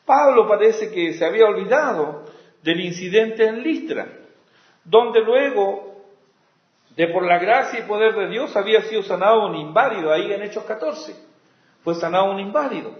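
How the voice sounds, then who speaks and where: High, animated preaching man. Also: moderate pace. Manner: impassioned preaching, swinging between loud exclamations and hushed asides. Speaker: pastor. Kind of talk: sermon. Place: church sanctuary. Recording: echoey, dull lo-fi church recording.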